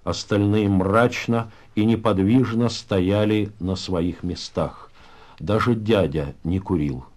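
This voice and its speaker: A man reading a dramatic story aloud as narrator, in a measured, grave way. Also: lowish voice, a little mellow.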